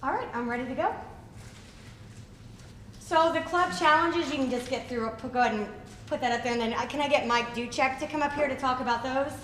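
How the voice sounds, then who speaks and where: A woman's voice: sits high, a little fast, a bit bright. A woman hosting a club meeting, giving casual announcements in a chatty, upbeat way with fillers. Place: running store meeting room. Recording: echoey room, faint noise.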